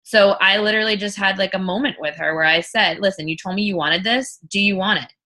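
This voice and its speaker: A woman's voice: mid-range voice, a little fast, pushed and bright. A woman leading an informal coaching talk as a team leader, blunt and emphatic, repeating her points and swearing freely.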